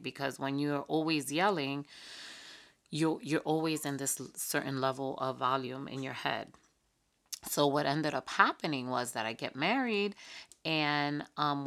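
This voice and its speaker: A woman's voice: deep voice, a bit bright. A middle-aged woman from New York, hosting a podcast and talking earnestly in a conversational, reflective way, with many fillers and restarts. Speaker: podcast host. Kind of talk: reflective personal talk.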